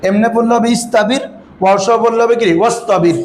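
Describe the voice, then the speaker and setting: A man teaching a classroom lesson, asking his students question after question, calling them by a fond name, and slowly reciting verses. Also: very high voice, flat delivery, a little hiss or hum, low-quality recording. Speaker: Arabic grammar teacher.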